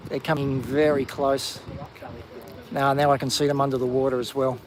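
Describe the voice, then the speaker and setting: A man casually hosting a live walking stream on a coastal clifftop, chatty with plenty of ums and excited whenever he spots something. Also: mid-range voice, moderate pace, slight background noise, poor audio. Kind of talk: live walking vlog commentary. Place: outdoors on a coastal clifftop walk.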